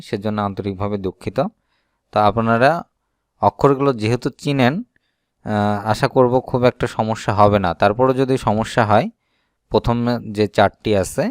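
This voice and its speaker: A man with a Bangladeshi Bengali accent teaching the sounds of the Arabic alphabet, repeating each point slowly and deliberately. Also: mid-range voice, smooth, no echo, studio quality. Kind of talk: slow instructional explanation.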